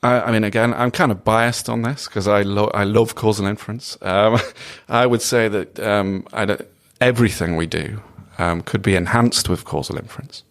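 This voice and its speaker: A British man with a fairly low voice speaks as an interview guest. He talks casually and thoughtfully, qualifying what he says and poking gentle fun at himself. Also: steady tone, normal speed, hardly any pauses. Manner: thoughtful, hedging, self-deprecating humour. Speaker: podcast guest, causal inference researcher.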